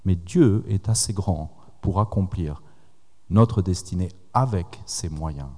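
A lower-voiced man preaching a sermon in a church hall. He retells scripture with quoted dialogue and turns to the congregation with questions, and a long reverb trails after every phrase. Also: slow pace, warm tone, a little hiss or hum.

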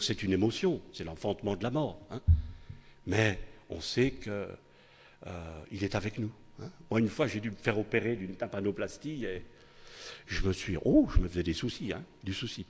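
Older man, preacher, sermon, husky low voice, very lively pitch, chatty, tag questions, long church-hall reverb.

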